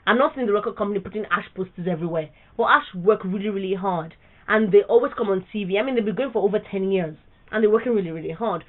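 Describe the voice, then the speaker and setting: A woman co-hosts a casual music podcast, pressing her opinions with emphatic, rapid-fire delivery. Her voice comes through thin and narrow, like a phone line. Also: medium pitch. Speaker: podcast co-host.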